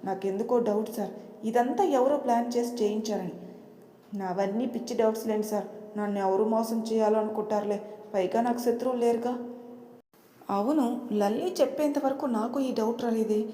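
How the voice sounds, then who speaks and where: A naive young office woman frets and complains in a plaintive voice, as the narrator puts her on. Her tone is mellow and soft-edged. A long, roomy reverb surrounds it. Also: fairly high pitch, moderate pace, close to an everyday voice. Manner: plaintive and doubting.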